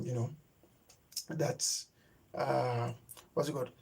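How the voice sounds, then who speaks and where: A young Nigerian man, a native Yoruba speaker with a Nigerian English accent, hosts a livestream, chatting casually with viewers and searching for words with lots of fillers. His mid-range voice sounds creaky, mellow, and husky.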